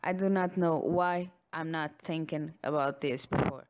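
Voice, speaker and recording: In a low, fairly even voice, a non-native English-speaking woman performs an affectionate ASMR girlfriend roleplay spoken directly to the listener. She goes slowly and tenderly, often sighing and giggling.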